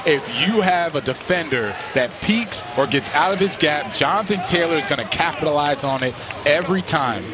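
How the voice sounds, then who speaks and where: A man's voice: fairly high pitch, expressive, moderate pace, a crowd in the background. A man working as color commentator, giving emphatic, conversational analysis of a live football game. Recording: loud stadium noise behind voice. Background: noisy football stadium.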